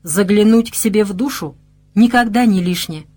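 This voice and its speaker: A woman's voice: mid-range voice, animated, moderate pace, darkish tone, soft background music, lightly acted. A woman voicing an old male bear who leads a band of Cossacks in an audiobook, speaking in a grave, instructive way.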